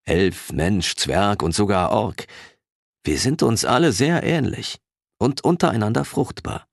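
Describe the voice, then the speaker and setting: A man narrating a fantasy audiobook in the first person, his voice very low and deep. His delivery is slow and expressive, with a lively, wide-ranging melody. The audiobook recording is dry and close, with no room sound. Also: creaky, dry recording.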